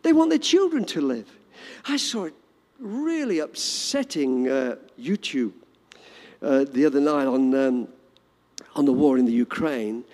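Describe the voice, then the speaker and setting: A male pastor preaching a sermon, moving from loud urgent emphasis to hushed storytelling. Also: fairly high pitch. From Australia. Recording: long hall reverb.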